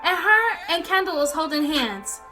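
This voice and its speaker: Over background music, a storytime vlogger, a young American woman with a very high voice, shares a casual story with her viewers at a moderate pace. Her delivery is lively and full of slang, and she acts out dialogue along the way.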